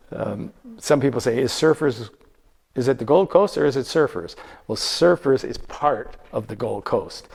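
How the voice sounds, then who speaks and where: A man's voice: mid-range voice, darkish tone, slightly rough. Man giving a chatty slideshow travel talk. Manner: conversational, quizzes the audience, frequent restarts. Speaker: travel presenter.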